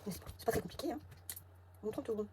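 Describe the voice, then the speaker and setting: A woman with a southern French accent, counting through her budget envelopes at home and muttering figures under her breath as she thinks aloud. Her voice sits a little high. Steady background noise and small clicks run behind her. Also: fast. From south of France. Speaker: budget vlogger. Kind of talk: casual talk while counting budget envelopes.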